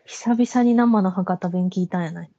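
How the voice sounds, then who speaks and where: A young woman talks casually in a mellow, husky voice, chiming in often with short responses. The sound is slightly dull and lo-fi. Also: fairly low pitch, moderate pace. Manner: attentive listener, frequent short backchannels. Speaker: podcast co-host. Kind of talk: casual chat.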